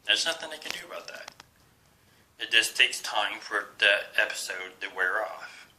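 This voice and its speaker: A man in his forties talks straight into his camera in a confessional vlog. His voice sits very low and has a strained, forceful edge. He speaks haltingly with many fillers, sometimes sinking to a near whisper, over a faint hiss. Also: expressive, low-quality recording. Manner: drops to a soft whisper at times. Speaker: vlogger. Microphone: camera he faces while recording.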